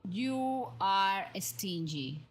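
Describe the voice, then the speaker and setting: This woman's voice is mid-range and husky, animated yet extremely slow. Hosting a livestream, she plays a game and thinks aloud in rambling, chatty commentary over background music.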